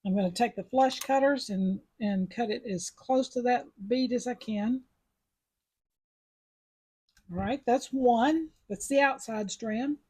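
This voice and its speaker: Husky woman doing a chatty beading tutorial, kinda high voice. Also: slow, darkish tone. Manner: chatty, step-by-step instructions. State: sucking a mint after coughing. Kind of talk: casual craft tutorial.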